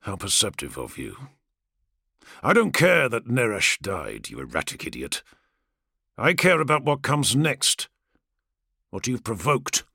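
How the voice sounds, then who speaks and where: A man voicing a stern male warrior officer who speaks low and quiet, holding back anger. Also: wildly swooping pitch, a little slow, creaky, pauses often, slightly rough, no room sound, clean studio sound, full character voice. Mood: restrained anger. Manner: low, quiet, through gritted teeth.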